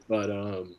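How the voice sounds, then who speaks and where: Rambling low-voiced man doing stand-up. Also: darkish tone. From Jamaica. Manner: rambling, lots of "like" and "um", crude jokes. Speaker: stand-up comedian. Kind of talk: stand-up comedy set on a livestream. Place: at home.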